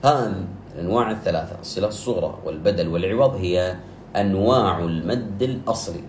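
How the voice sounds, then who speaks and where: A man teaching the rules of Quran recitation. He explains methodically, repeats key terms, corrects errors firmly, and chants examples with long drawn-out vowels. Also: sits low. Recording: echoey room with faint background noise.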